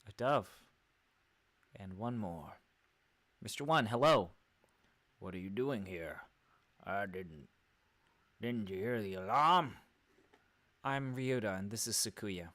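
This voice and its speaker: A man's voice: on the low side, animated, slow, pauses often, a bit bright. Man reading game dialogue in voices. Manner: switches between character voices, sometimes hammy accents. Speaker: let's play host reading game dialogue aloud.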